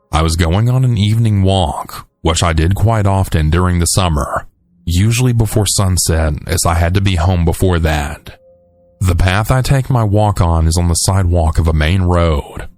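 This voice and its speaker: Deep-voiced man narrating horror calmly. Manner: calm, measured reading of a first-person account.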